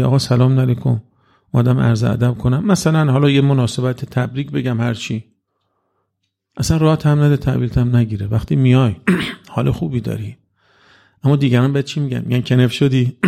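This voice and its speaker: A man giving an informal religious talk to an audience, speaking conversationally and acting out quoted exchanges with sudden jumps in pitch. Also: creaky, dark tone. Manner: conversational, acts out quoted dialogue with rising pitch. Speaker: religious lecturer.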